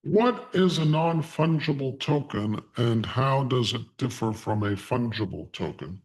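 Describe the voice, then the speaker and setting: Male online instructor, voice electronically disguised to sound deep and unclear, speaking in measured phrases. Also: lively intonation. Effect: voice changer giving a disguised deep, Darth Vader-like voice. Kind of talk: live online lecture. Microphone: online video call through a voice changer.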